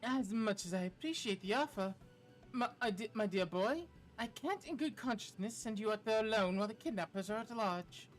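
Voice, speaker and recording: A woman's voice: medium pitch, animated, fairly quick, soft background music, pitched above the performer's own voice, close to an everyday voice. A woman reading aloud as a formal, courteous scholarly mentor from a game, sometimes stumbling over the words.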